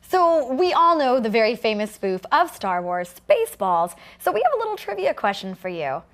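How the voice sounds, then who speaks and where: A woman's voice: a little high, very animated, moderate pace. A woman co-hosting a casual show, upbeat as she links segments. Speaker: co-host.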